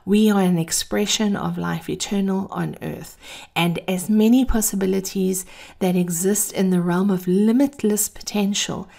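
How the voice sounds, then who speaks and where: A woman hosting a scripted motivational monologue in a theatrical, deliberate manner, addressing listeners as darlings. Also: mid-range voice, fairly even intonation, vocal fry, warm tone. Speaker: host of a daily encouragement series.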